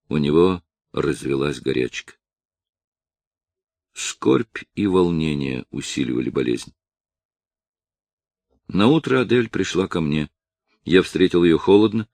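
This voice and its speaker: Male audiobook narrator, very low and gravelly, solemn first-person reading, dry close sound. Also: dry recording. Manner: measured, solemn storytelling.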